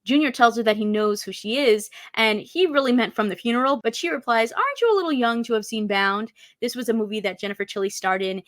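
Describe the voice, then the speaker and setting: A woman's voice: on the high side, quick pace, hardly any pauses, a bit bright, no echo, clean studio sound. A woman presenting a scripted pop-culture video as a narrator.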